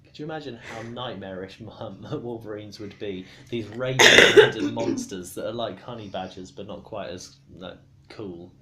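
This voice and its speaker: A drunk man giving a rambling, casual explanation, halting and stumbling over his words, argumentative. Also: fairly low pitch, sing-song, pushed and bright. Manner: swears casually. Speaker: storyteller explaining comic book lore.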